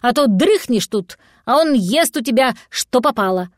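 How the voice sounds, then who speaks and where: A woman voicing an unseen male voice from the forest who talks in a brisk, folksy, bantering way. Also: on the high side, animated, no room sound, clean studio sound, close to an everyday voice.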